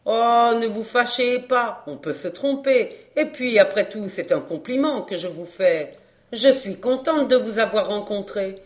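A woman's voice: a little high, lively intonation, unhurried. A woman reading an audiobook voices a brash, streetwise female fortune-teller who banters and mocks. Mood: bantering. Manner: bold, bantering, mocking. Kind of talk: audiobook character voice.

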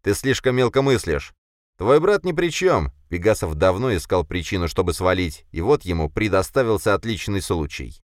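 Man doing a stern bossy clan boss, barks orders, raised voice, lively swings. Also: low voice, moderate pace, no echo, studio quality. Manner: authoritative, barking orders. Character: stern older man, commanding clan head.

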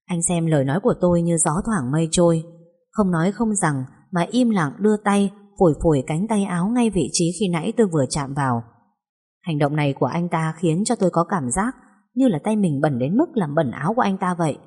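A woman narrating a first-person story audiobook with a steady, expressive reading. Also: on the low side, a little fast, slightly rough.

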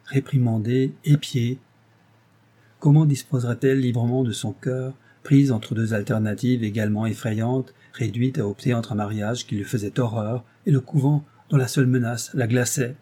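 A man narrating a classic novel as an audiobook, in a measured, expressive reading. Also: medium pitch, husky.

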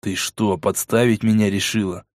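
Brief: a gruff wary man, curt and wry, lower pitch, dry studio audiobook read, by the narrator himself. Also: level tone, normal speed, darkish tone, no room sound, lightly acted. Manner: curt, low and sardonic. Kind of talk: audiobook character voice.

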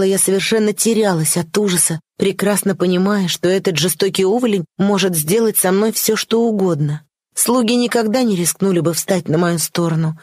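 A woman narrating a classic novel in the first person, steady and expressive. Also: on the low side, dry recording, studio quality. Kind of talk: audiobook narration.

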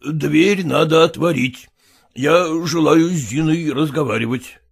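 A man voicing an agitated, domineering father who demands and shouts, in an audiobook reading. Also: on the high side, a little slow, creaky, slightly rough, full character voice. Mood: demanding. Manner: blustering, demanding.

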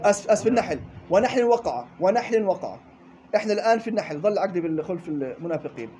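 A man's voice: sits high, lively intonation, very fast, dark tone, slight background noise. A man teaching a classroom lesson on Quran recitation rules, explaining step by step, repeating key points and checking with his students. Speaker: tajweed teacher.

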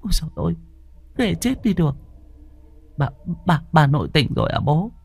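A man's voice: on the high side, lively intonation, normal speed, vocal fry, husky, voice pushed up, heavily acted. A man voicing a scared young village woman who stammers in panic during a ghost story. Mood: terrified.

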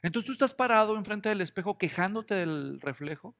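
Joking preacher in a reverberant hall. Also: male voice, high voice, animated, a little fast, gravelly, a bit bright. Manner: humorous, acts out quoted voices, asks the congregation questions. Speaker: pastor. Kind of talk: expository sermon.

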